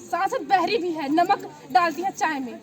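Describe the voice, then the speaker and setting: A woman's voice: very high-pitched, moderate pace. A girl acting in a school stage play as a vain, scolding mother-in-law, bossy and scornful. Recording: loud crowd, outdoor stage.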